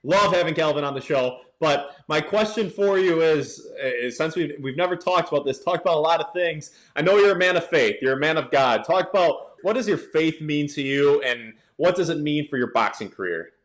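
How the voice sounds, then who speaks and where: Male sports interview host, fairly high voice, informal delivery with repeated phrases. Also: normal speed, few pauses.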